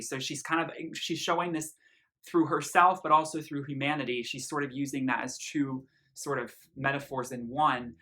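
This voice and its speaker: Speaking with a medium pitch and a sharp tone, a man offers laid-back, enthusiastic commentary on an album. He leans hard on emphasized words, sounds earnest, and reads out lyrics.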